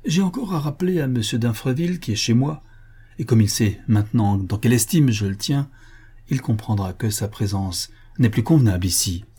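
A man reading the part of a resolute seventeen-year-old wife, raising his voice into a lighter, higher register. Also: animated, normal speed, mellow, slightly rough. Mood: defiant. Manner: resolute, raised pitch. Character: spirited young wife, seventeen, defiant. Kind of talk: audiobook character reading.

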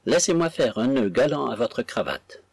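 A man's voice: mid-range voice, sing-song, normal speed, gravelly, a little mellow, slightly rough, no room sound, full character voice. A man voicing a cheerful working-class woman who teases her old father affectionately. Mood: teasing.

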